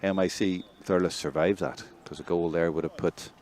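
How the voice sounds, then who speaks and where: A man with a Northern Irish accent giving live play-by-play commentary, chatty between plays and excitable when a score comes. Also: sits low, moderate pace. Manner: conversational, excitable on big plays. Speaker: match commentator.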